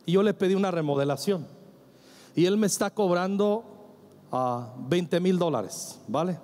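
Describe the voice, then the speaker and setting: Preaching to his congregation in church, this male pastor has a high, expressive, slightly mellow voice and talks a little slowly. He's emphatic, plays out the lines of quoted dialogue, and keeps asking the people present to respond.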